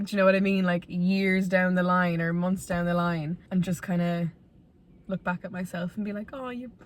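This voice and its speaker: A woman in her twenties speaks with a west of Ireland accent in a fairly low voice. She talks like a vlogger confiding in her viewers, casual and candid. Her delivery is conversational and rambling, with a self-deprecating streak. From Galway, Ireland. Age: 20s.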